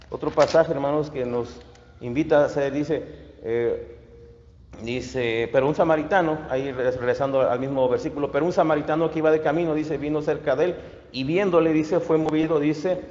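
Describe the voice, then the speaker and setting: A male pastor giving a sermon, halting with many fillers and restarts. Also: a little high, darkish tone. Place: church. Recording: echoey hall, dull lo-fi sound.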